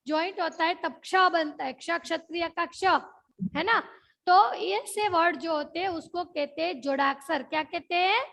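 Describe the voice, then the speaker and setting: A woman's voice: very high voice, sharp tone. A young woman with a Gujarati accent teaching an online class, mixing in English words and repeating questions to check that the children follow.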